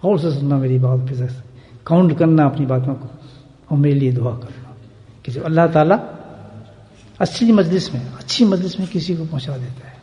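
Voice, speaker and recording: A man preaching a sermon at a remembrance gathering, firing rhetorical questions and swinging from loud emphasis to hushed asides. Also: a little high, muffled recording. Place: gathering hall. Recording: echoey hall with long reverb.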